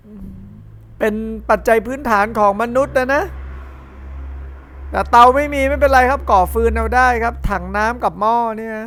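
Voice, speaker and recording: A man casually reading a comic aloud, with lively, chatty asides. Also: very high-pitched, clean tone. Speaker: comic reader.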